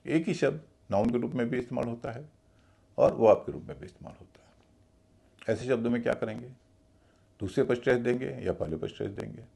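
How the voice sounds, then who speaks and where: A man's voice: medium pitch, creaky, mellow, breathy edge. A man teaching English pronunciation in a video lesson, spelling out words letter by letter and repeating each pronunciation patiently.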